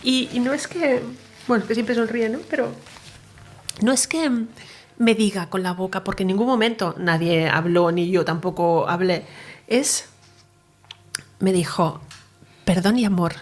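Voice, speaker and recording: A woman's voice: mid-range voice, fairly even intonation, measured pace, long pauses. A woman recounting her near-death experience in an interview, earnest and emotional, sometimes dropping to a whisper. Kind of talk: personal testimony in an interview.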